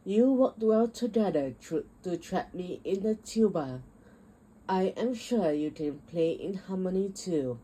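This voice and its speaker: A woman's voice: on the low side, animated, a little slow, mellow, slightly rough, rough recording. A woman voicing a joking male creature in a storybook, sheepish and pleading when he apologizes. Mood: cheerful. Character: joking male creature who regrets teasing.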